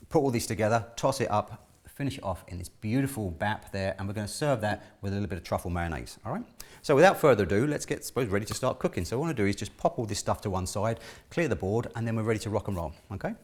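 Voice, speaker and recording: Fast-talking middle-aged man, low-pitched. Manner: chatty, instructional, often checking in with "okay?". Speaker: chef presenting a cooking lesson. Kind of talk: casual cooking demonstration. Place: indoor kitchen studio.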